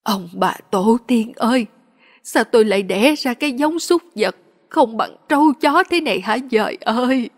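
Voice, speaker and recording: An elderly village mother lamenting in a wailing, altered voice, as a woman storyteller puts her on. She cries out with raw, rough emotion. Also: fairly high pitch, lively intonation, normal speed, big-room sound. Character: grief-stricken older village mother.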